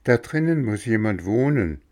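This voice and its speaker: A man's voice: on the low side, very animated, moderate pace, darkish tone, voice pushed up. A man voicing a remorseful, polite wooden puppet boy in a storybook reading, in a pleading, apologetic way. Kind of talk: storybook narration.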